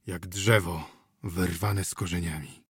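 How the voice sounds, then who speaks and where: A man voicing a dazed, heartbroken professor who mumbles quietly and low. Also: fairly even intonation, a little slow, breathy edge, no room sound, studio quality, heavily acted. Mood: dazed grief. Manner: mumbling, subdued.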